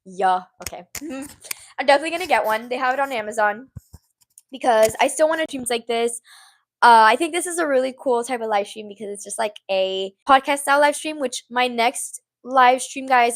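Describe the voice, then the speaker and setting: A young woman in her twenties hosting a casual podcast-style livestream, rambling and giggly, saying "like" often into a small mini mic at home. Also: fairly high pitch. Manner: bubbly, rambling, giggly, says "like" a lot. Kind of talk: casual chat with live comments. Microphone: small handheld mini mic.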